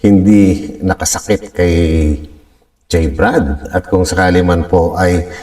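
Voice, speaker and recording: A man hosts a casual reaction vlog in a very low, deep voice. He talks politely and rambles, filling gaps with hesitations. The mic sits some distance from him. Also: fairly even intonation, slow pace, a little mellow. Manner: polite, rambling, many fillers. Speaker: reaction vlogger host.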